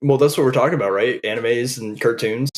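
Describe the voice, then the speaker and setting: A man co-hosting a podcast in casual chat, easygoing and quick to laugh. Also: medium pitch. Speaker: podcast co-host.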